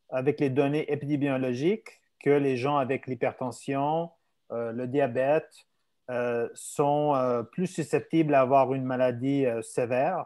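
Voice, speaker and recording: A man in gives an informal expert explanation. He speaks haltingly, repeating words and searching for the right phrase as he addresses patients. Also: on the high side, a little mellow. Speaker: invited medical expert speaker.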